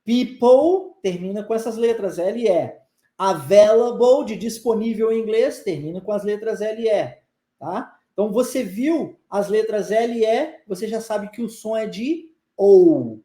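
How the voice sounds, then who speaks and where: An English teacher with a Brazilian Portuguese accent runs a live online pronunciation lesson, coaxing viewers along and drilling phrases by repetition. His voice is high-pitched, unhurried and warm, set in an echoey room.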